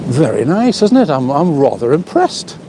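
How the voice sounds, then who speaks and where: Walking a seaside pier on a live-streamed vlog, a man from the North East of England chats with viewers, rambling and repeating words as he thinks. His slightly high voice is very animated at normal speed, picked up by a small phone mic against a noisy background.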